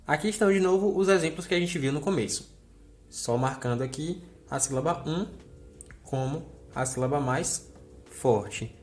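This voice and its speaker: A man teaching a recorded grammar lesson. He explains step by step in a friendly way and checks in with the viewer often. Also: a little high.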